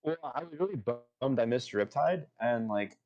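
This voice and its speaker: A man's voice: mid-range voice, expressive, moderate pace, a little mellow, muffled recording. A twenty-one-year-old man chatting as a podcast guest, rambling and filling his sentences with "like". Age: 20s. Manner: rambling, heavy use of filler like. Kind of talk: casual podcast chat.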